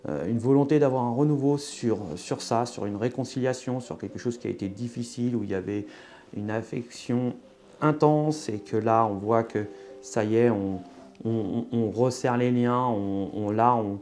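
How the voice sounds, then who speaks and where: A man's voice: mid-range voice, warm tone, slight background noise. A man with a Southern French accent giving a casual astrology card reading, full of fillers and restarts. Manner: hesitant, many fillers and restarts. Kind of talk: casual tarot reading to camera.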